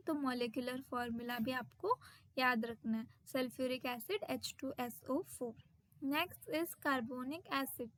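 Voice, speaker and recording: High-pitched woman going through a textbook lesson, slow and careful, spells out english terms word by word. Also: fairly bright tone, no room sound. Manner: reads English terms out slowly, one by one. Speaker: teacher.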